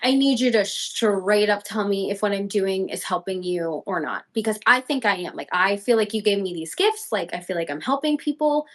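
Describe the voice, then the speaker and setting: A young woman guest telling a personal story, acting out her own quotes with big leaps in pitch. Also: lively intonation, normal speed, hardly any pauses. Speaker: podcast guest.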